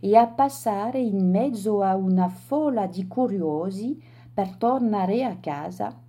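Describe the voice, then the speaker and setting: A woman reading a children's story aloud in a slow, deliberate storytelling manner. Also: medium pitch, warm tone.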